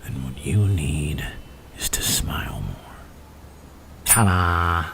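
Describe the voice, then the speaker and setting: A menacing clown criminal, rumbles in an extremely low, creaky whisper. He speaks slowly and theatrically, coaxing and taunting with unhinged playfulness, like an ASMR villain roleplay with faint hiss behind him. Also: very animated, fairly bright tone, heavily acted. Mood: coaxing menace. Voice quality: breathy, gravelly whisper with creaky rasp. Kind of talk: ASMR roleplay, dramatic monologue.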